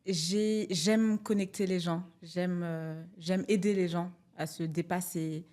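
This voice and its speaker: A woman's voice: on the low side, steady tone, slow, dark tone. A middle-aged woman from France, speaking as a podcast guest, hesitant and full of fillers. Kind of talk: casual podcast conversation.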